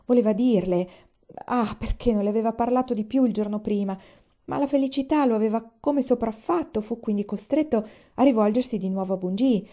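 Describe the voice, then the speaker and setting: A woman reads a novel aloud in a steady, measured voice. Her tone is mellow and warm, and the recording sounds dull and lo-fi. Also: on the high side. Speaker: audiobook reader.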